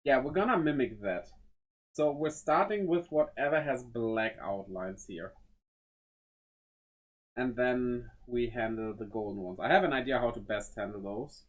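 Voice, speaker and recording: A streamer giving casual think-aloud commentary while drawing, muttering to themself and weighing small choices out loud. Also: medium pitch, measured pace, rough recording. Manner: greets viewers playfully.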